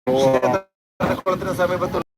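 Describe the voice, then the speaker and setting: A man making a slow, formal public announcement over a loudspeaker at a busy outdoor seaside site, repeating his calls. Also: high-pitched, loud music behind the voice. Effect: heard over a public loudspeaker. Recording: distant loudspeaker outdoors with loud ambient noise.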